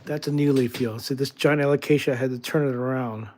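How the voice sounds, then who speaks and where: A man talks to his livestream viewers from a room full of houseplants, rambling and joking as his thoughts drift. His voice sits at an ordinary middle pitch, and a faint hum of background noise runs under it. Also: steady tone, fast, a little mellow. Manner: rambling, jokey, distracted, self-correcting. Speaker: livestream host. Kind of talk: casual livestream chat with viewers. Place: home room with houseplants, indoors.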